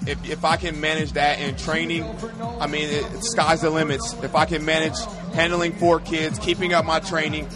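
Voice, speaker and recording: A man in his thirties, an athlete and coach, talking casually in an interview in long, energetic run-on lists. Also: a little high, moderate pace, over music.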